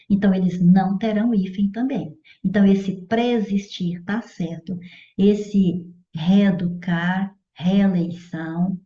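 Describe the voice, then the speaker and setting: A woman's voice: mid-range voice, mellow. A Brazilian woman teaching Portuguese grammar for exams. She talks in a didactic way and keeps checking in with her students. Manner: didactic, checks in with "certo?" and "olha". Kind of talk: explanatory exam-prep lesson. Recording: dull echoey room audio.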